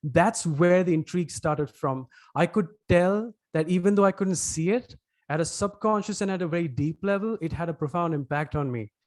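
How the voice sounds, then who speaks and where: A man from Mumbai with an Indian accent, a podcast producer answering interview questions in a webinar, talking at length with many pauses and restarts. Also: on the high side, a little mellow, no room sound, clean studio sound. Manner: thoughtful, elaborate, frequent "uh" and restarts.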